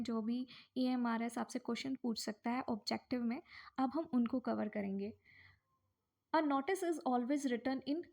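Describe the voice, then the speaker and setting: A woman teacher explaining exam writing formats in a lesson, asking questions and answering them herself, slowing down on key phrases. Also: high-pitched, creaky, a little mellow. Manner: slows down reading English phrases. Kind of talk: explaining lesson in mixed Hindi and English.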